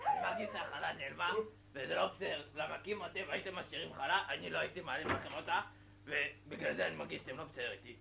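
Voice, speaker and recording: A man's voice: on the high side, creaky. A man playing a timid, bewildered male yeshiva student who whines and mumbles in an amateur comedy skit. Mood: whining. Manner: whining and mumbling. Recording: echoey room, from afar, noisy.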